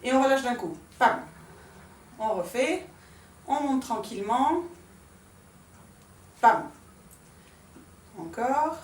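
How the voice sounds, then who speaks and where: A woman with a fairly high voice teaches a dance class, explaining each move calmly while she demonstrates it. She is picked up from a distance in a roomy, echoing studio. A faint hum of room ambience sits behind her. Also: moderate pace. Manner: calm, demonstrating moves while counting out accents with "pam" and "tac". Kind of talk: step-by-step dance lesson. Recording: echoey room from far off.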